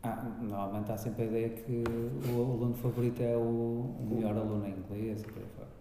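A man with a European Portuguese accent, a teacher as podcast guest, talking in a calm, measured way and explaining patiently. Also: on the low side. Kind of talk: casual chat. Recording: echoey room with long reverb, faint noise.

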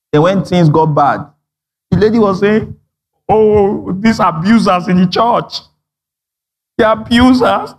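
Lively pastor, slightly high voice. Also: male voice, slightly rough. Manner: animated storytelling, acting out dialogue, frequent laughter. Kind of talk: sermon.

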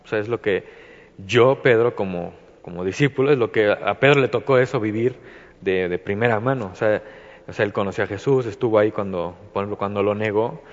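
A man's voice: on the low side, brisk. A man with a Mexican accent giving an informal Bible study talk, rambling through many fillers and restarts. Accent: Mexican Spanish. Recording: dull, reverberant recording.

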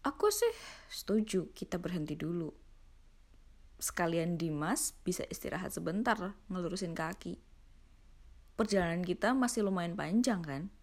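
A woman voicing a young male traveller in a horror story who is trying to sound calm and sensible. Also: fairly low pitch. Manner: measured, reasonable. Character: carsick young male narrator feigning calm good sense.

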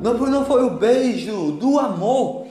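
A man voicing a cheerful magic fairy in a storybook song, chanting slowly in a sing-song way. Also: extremely high pitch, lively intonation, warm tone, soft background music. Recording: roomy echo, faint instrument behind.

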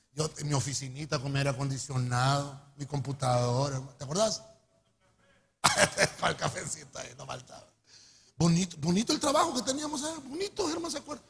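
A middle-aged man with a Honduran accent preaching a testimony sermon, telling his story in an animated way and calling his listeners brother. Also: on the high side, gravelly, husky. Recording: echoey hall with long reverb.

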